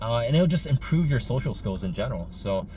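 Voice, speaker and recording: A man with a slightly high voice talks as a casual coach in a rambling, halting way, circling back over his own phrases. He sounds off the mic, with loud road and vehicle noise all around him. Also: animated, distant mic. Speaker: dating coach. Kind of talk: casual coaching monologue to camera. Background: loud road traffic and vehicle noise.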